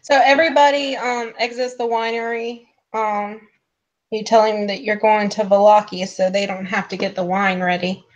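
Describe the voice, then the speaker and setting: A woman's voice: mid-range voice, steady tone, normal speed, muffled recording. A woman narrating a tabletop game as game master, taking her time with frequent ums.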